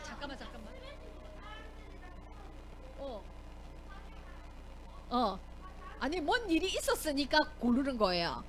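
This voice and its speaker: Lively high-pitched woman telling a Bible story. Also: slow, long pauses, some chatter behind, slight background noise. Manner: asks the children questions and acts out the characters' lines. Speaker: Sunday school teacher. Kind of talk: animated Bible storytelling for children.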